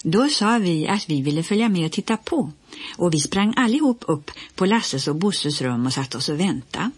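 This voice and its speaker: Woman narrator for a kids' audiobook, low, slightly husky voice. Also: lively intonation, no room sound. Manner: gentle, storytelling. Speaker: audiobook reader. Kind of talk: storybook reading.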